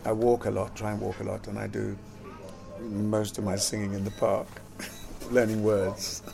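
An older man recalls his past in a casual interview, laughing often, rambling, and repeating words; he's an actor and singer born in Jamaica who grew up in London. His voice is lowish and creaky, moving at a normal speed.

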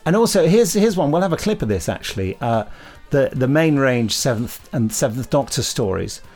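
Over soft background music, a podcast host who writes and directs audio dramas chats casually, hesitating, rambling and correcting himself. His mid-range, darkish voice is very animated and moves at normal speed.

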